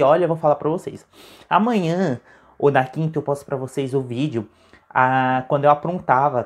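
A man's voice: a little high, darkish tone. A man in his twenties telling a funny childhood story as a chatty vlogger at home, often laughing and calling out to his viewers. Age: 20s. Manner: chatty, keeps saying "gente", laughs while telling. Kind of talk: casual storytelling to camera. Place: home, with his mother nearby.

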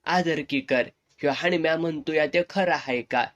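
A burly, swaggering landlord with a menacing edge voiced by a male narrator mocks in cocky rural speech. The tone sits a touch high. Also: normal speed, a bit bright, muffled recording, natural voice. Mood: probing. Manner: cocky, mocking rural dialect.

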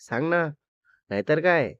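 A man's voice: a little high, animated, unhurried, a bit bright, clean tone, no echo. A male storyteller voicing a jealous, possessive young woman who snaps back in pouting retorts, heard in a slightly dull lo-fi recording. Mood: sulky.

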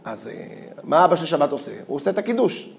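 High-voiced rabbi telling lively stories. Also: male voice, vocal fry, a little hiss or hum. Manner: animated, repeats words, laughs as he tells stories. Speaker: rabbi giving a lecture. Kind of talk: lively storytelling lecture.

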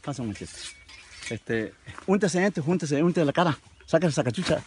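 A man's voice: a little high, expressive, moderate pace. A man with a Veracruz Mexican accent working as a snake catcher, talking in short, repeated commands and reassurances as he works outdoors. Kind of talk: live field talk while handling a snake. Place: outdoors in dense woodland. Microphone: handheld phone nearby. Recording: noisy outdoor phone video.

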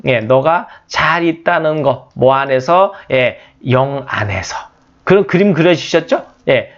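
A man with a Korean accent teaching English phrases in a slow explanatory lesson, repeating words and asking and answering his own questions. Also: medium pitch, lively intonation. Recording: dull lo-fi audio.

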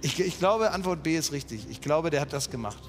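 A man's voice: a little high, expressive, fairly quick, faint music behind. A man in his thirties or forties, bantering and rambling as a player on a TV quiz show. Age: 30s to 40s. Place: large TV studio with audience.

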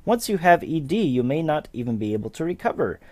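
Male narrator for scripted informational piece; mellow tone, animated pitch movement. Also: fast.

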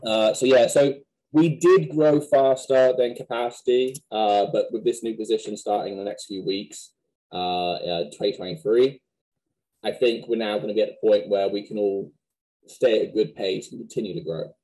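A man in his thirties with a West Country Wiltshire accent softened by American, answering questions conversationally in an interview. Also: on the low side, steady tone, moderate pace, rough recording. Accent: West Country Wiltshire English, softened by American. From Wiltshire, England. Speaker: museum director, interview guest. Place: small plain office, video call.

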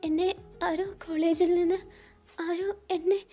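A woman's voice: sits high, steady tone, moderate pace, mellow, faint music behind, close to an everyday voice. A woman voicing a playful, affectionate young heroine in a storybook narration, with a sweet, coaxing manner. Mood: frightened.

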